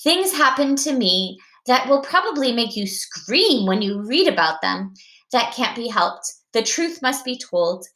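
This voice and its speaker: A woman reading a storybook aloud to her child, with expressive narration. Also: on the high side, unhurried, reverberant, rough recording.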